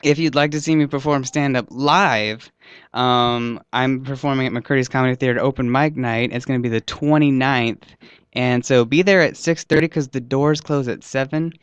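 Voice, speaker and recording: A young man with a smooth, resonant voice rambles through a casual radio interview, poking fun at himself and letting his thoughts trail off. The sound is dry and close on a studio mic, with the slightly dull tone of a radio recording. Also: medium pitch, normal speed, dry recording. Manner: rambling, self-mocking, trails off. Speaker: guest comedian.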